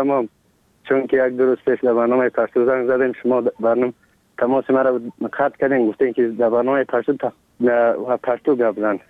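A man's voice: medium pitch, no room sound. A man calling in to a radio show, aggrieved and full of polite blessings, heard over a tinny phone line. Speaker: caller. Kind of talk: phone-in call.

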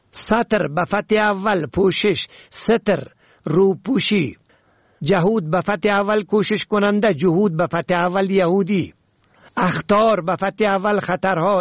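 A man presenting a language program, reading a scripted lesson and listing words with their pronunciations in a measured way. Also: high-pitched, no room sound.

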